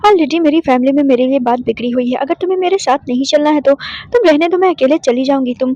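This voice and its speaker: A woman's voice: high-pitched, dark tone, dry recording, natural voice. A woman reading as an anxious, pleading young woman. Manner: pleading, hurried explaining. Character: anxious young woman, worried about family. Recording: dull, dry lo-fi voice recording.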